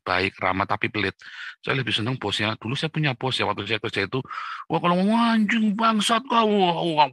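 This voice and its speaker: A middle-aged man preaching a morning devotional, blunt and forceful, often asking his listeners "right?". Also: medium pitch, no echo. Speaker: pastor.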